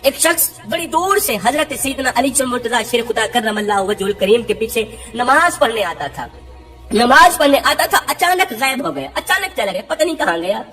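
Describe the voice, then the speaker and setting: Woman, religious storyteller, sermon style, emphatic, repeats phrases, soft music behind. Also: fairly high pitch, very animated.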